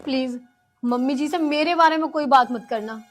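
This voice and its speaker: An actress playing a patient, pleading young daughter-in-law in a village film drama. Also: female voice, high-pitched, normal speed, faint music behind, natural voice. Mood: calm. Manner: pleading, long-suffering.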